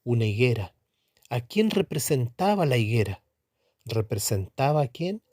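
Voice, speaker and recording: A man's voice: mid-range voice, big pitch swings, normal speed, warm tone, no echo, studio quality. A middle-aged man preaching a Bible teaching sermon, emphatic, asking questions and answering them himself. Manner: emphatic, asks and answers his own questions; repeats tag question "¿no es cierto?".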